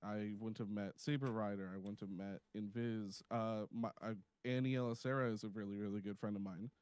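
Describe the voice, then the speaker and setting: A man, a DJ guest, talking in a relaxed, hesitant way with many ums. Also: on the low side, a little fast, smooth, no room sound. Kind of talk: casual chat.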